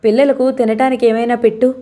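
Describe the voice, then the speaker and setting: A woman voicing a blunt, sharp-tongued older sister in a novel reading. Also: on the high side, flat delivery, fast, lightly acted. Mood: scolding. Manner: blunt, scolding.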